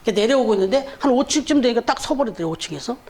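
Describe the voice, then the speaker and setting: A pastor preaching a Sunday sermon in church, talking conversationally and putting rhetorical questions to the congregation. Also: male voice, extremely high pitch, animated, rapid-fire, darkish tone.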